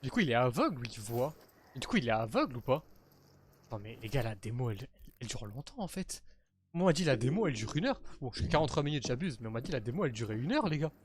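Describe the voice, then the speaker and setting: A male streamer giving excitable, slangy gaming commentary to his viewers, swearing now and then. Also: mid-range voice, quick pace, a little hiss or hum.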